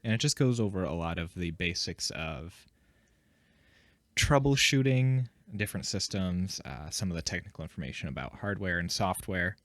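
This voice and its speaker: Male podcast talker, deep register, casual and a bit halting, dry recording. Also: animated, a bit bright, no echo. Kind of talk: casual chat.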